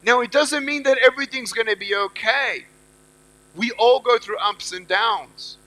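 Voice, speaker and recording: Through a low-quality recording comes a very high-pitched, pushed, bright voice, a little slow, from a middle-aged motivational speaker. At a university event, he speaks emphatically to students, repeating his key phrases.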